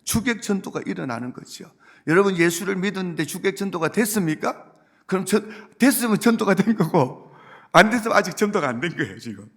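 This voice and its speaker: Man, pastor, gravelly voice, earnest sermon style. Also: sits high, expressive, a little fast. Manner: earnest preaching, quoting Jesus gently, building to emphatic points.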